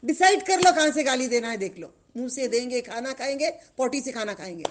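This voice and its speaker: A woman's voice: a little high, expressive. A woman giving a religious lesson to children, questioning the class and drawing out repeated phrases. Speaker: religious teacher.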